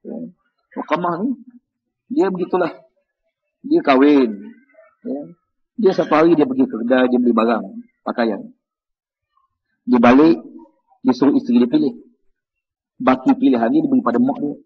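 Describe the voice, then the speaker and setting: A man with a Malaysian Malay accent giving an evening mosque lecture, lively and full of rhetorical questions. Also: medium pitch, moderate pace, long pauses, slightly rough, dull audio. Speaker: religious teacher.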